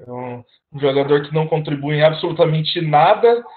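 A man co-hosting a casual sports podcast, halting and repeating words, with sarcastic remarks. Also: fairly high pitch, animated. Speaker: podcast co-host. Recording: tinny phone-like line.

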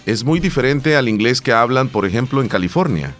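A man's voice: mid-range voice, animated, brisk, a bit bright, soft background music. A man from El Salvador, co-hosting a casual chat show, rambling and repeating his words. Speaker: podcast co-host. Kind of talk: casual radio-style chat.

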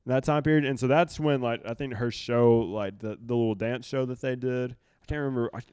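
A young man in his twenties co-hosting a podcast, relaxed and casual, often trailing off. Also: mid-range voice, brisk, smooth, dry recording, clean studio sound. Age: 20s. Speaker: podcast co-host. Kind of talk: casual chat.

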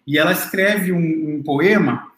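A man's voice: on the high side, unhurried, fairly bright tone. Man lecturing in an echoey room. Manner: explanatory, addresses the audience directly, many fillers and restarts. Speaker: literature lecturer. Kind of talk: classroom lecture. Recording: roomy echo.

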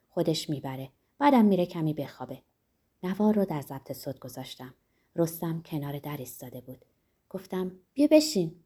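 Gentle, mellow woman narrating a story. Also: medium pitch. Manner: gentle, reflective storytelling with voiced dialogue. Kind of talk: audiobook narration of a novel.

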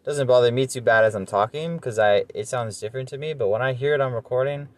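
A man's voice: mid-range voice, fast talker. Nasal rambling young man. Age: 20s. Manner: rambling, self-deprecating, full of fillers. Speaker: podcast host. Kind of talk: casual solo monologue.

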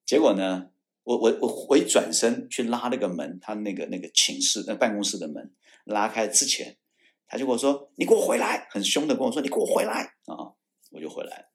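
A man from Taiwan, a former military judge advocate, talks as an interview guest. His voice sits fairly low but swings widely in pitch as he acts out the dialogue he quotes. He often restarts a phrase or repeats a word. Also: brisk. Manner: animated storyteller who acts out quoted dialogue, shouting the angry lines; frequent restarts and repeated words. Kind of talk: casual storytelling interview.

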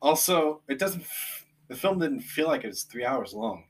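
Male co-host, casual podcast chat, laid-back, halting with frequent "um"s. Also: medium pitch, big pitch swings, slightly rough. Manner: easygoing, many "um" pauses, recommends and plugs.

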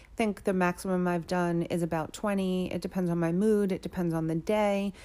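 A woman's voice: on the low side, steady tone, brisk, dark tone. A woman hosting a solo podcast, talking casually and informally about her own life like a personal check-in. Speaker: podcast host.

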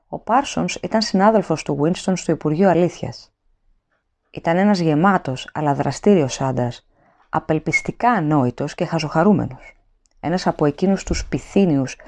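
Low-voiced, mellow woman narrating an audiobook.

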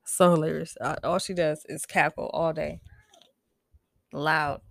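A young American woman with a low, gravelly, fairly flat voice takes her time hosting a solo podcast. Though congested and stuffy, she talks casually and emphatically, preaches a bit, and laughs often, captured in a dry, clean studio recording.

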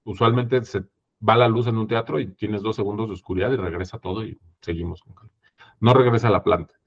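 A man with a Mexican accent, a theater producer in a casual interview, telling stories lively with many fillers and tag questions. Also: lowish voice, a little fast. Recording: dull lo-fi audio.

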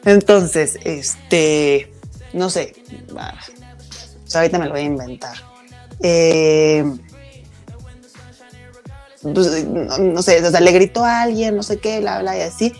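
Chatty Mexican woman, lowish voice. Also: takes it slowly, pauses often, soft background music. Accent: Mexican Spanish. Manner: chatty, animated, many fillers. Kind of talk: casual chat.

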